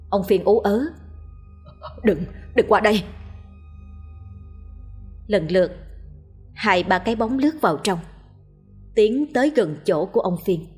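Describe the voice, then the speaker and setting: A woman narrating a horror story in a steady, suspenseful reading. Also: mid-range voice, slightly rough.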